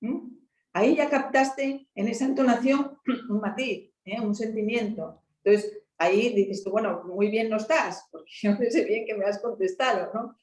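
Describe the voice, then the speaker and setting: A Spanish woman from Asturias talks through her points in a relaxed, explanatory way, often tagging her sentences with quick questions. Her voice carries a noticeable echo, as if recorded in a hard-walled room. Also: a little high. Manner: explanatory, many tag questions. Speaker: helpline volunteer speaker. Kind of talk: conversational talk.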